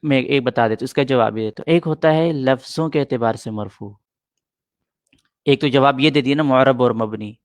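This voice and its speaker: A patient middle-aged man teaching a grammar class, going over each rule more than once. His voice has an average pitch and sounds close and dry, with no room echo. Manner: patient, repeats points and answers students' questions.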